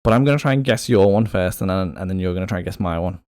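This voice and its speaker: Low-voiced man in playful podcast chat. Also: rapid-fire, darkish tone, smooth, no room sound, clean studio sound. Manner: playful, guessing aloud with hesitations. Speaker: podcast co-host. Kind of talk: casual chat.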